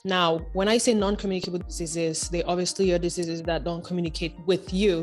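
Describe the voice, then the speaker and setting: A woman hosting a podcast, speaking earnestly and encouragingly as she introduces the show and interviews a guest. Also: on the low side. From Africa. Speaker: podcast host.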